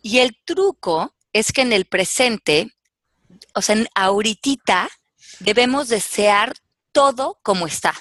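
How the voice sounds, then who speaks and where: A woman speaks as a life coach, slow and calm, laying out her advice in an instructive way. Her voice sits at a middle pitch and is recorded dry and close, with no room echo. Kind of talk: coaching talk on a panel show.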